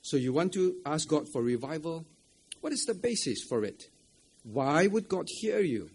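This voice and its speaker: Preaching at a church camp meeting room, this man engages the audience with questions, repeated phrases and frequent "right?" tags, often chuckling between points. His voice is fairly high, expressive, slightly mellow and husky. He talks at normal speed.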